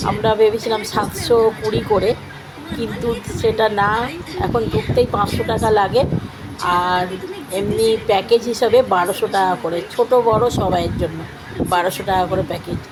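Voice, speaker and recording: Surrounded by the noise of a busy outdoor amusement park, from crowds to rides, a middle-aged family vlogger talks directly to her audience. She uses plain, repetitive phrasing at a medium, steady pitch and a moderate pace.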